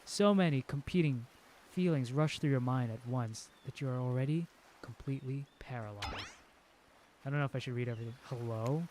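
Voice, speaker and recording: A man's voice: mid-range voice, brisk, darkish tone, a little hiss or hum. A young man streaming a game, reading the story aloud and breaking off for joking asides with frequent chuckles.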